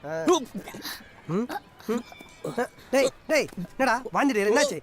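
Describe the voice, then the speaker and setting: An indignant young man who defends his girlfriend in a slow drawl. His voice is lively in pitch, and music plays under the film scene. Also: heavily acted. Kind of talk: film comedy dialogue.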